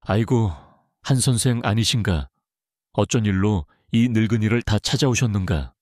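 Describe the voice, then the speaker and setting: A man voicing an old village chief who speaks in a low, guarded, warning tone. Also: moderate pace, dry recording, studio quality, natural voice. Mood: genial.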